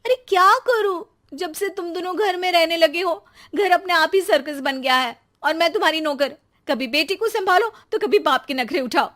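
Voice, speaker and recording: A woman voicing an exasperated, sarcastic Indian mother who nags loudly and dramatically in a children's cartoon story. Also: very high-pitched, moderate pace, pitched above the performer's own voice. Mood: fed up. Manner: sarcastic, loud nagging with dramatic exclamations. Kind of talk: animated children's comedy story.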